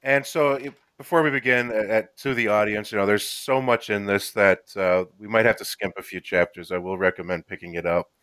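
A male podcast host with a fairly low voice and a bright, forceful edge. He speaks in a measured, formal way as he introduces his guests and thanks them. The sound is dry and close. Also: fairly even intonation, clear, resonant tone, no room sound. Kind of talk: scripted podcast introduction and interviewing.

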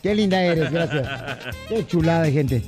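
A man's voice: a little high, expressive, normal speed, over music. A man hosting a comedy radio show, joking and talking to his listeners. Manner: jokey, calls listeners paisanos.

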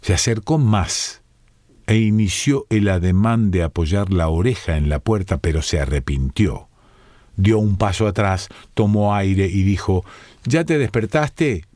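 A male narrator with a Rioplatense accent reads an audiobook calmly and steadily. His voice sits very low and dark, and the sound is close and dry. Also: unhurried, dry recording. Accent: Rioplatense Spanish.

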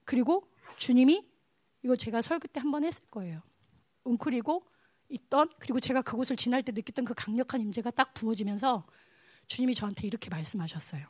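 Brief: woman preacher, high voice, emotional testimony, dry close sound. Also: fairly quick, slightly rough, no echo. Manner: emotional, animated, swings to hushed tones. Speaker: evangelist preaching. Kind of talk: sermon with personal testimony.

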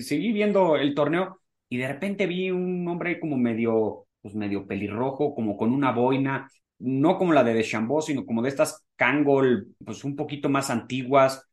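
A man co-hosting a casual golf podcast, talking in long rambling sentences full of fillers. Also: medium pitch. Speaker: podcast co-host.

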